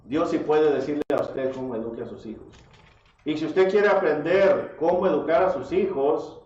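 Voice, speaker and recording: A man's voice: a little high, normal speed, darkish tone. A man preaching a sermon, often asking his listeners rhetorical questions and calling them brother. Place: church hall. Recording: echoey church audio from far off, dull and slightly noisy.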